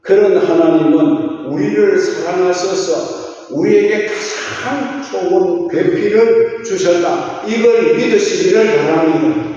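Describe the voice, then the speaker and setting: A middle-aged male pastor delivers a sermon in a folksy, sing-song cadence, tossing rhetorical questions to the pews. His voice sits slightly high yet sounds mellow and dark. It carries through a big, reverberant church hall from a mic some distance away, with a dull, muffled tone. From Gyeongsang region, Korea. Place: church sanctuary.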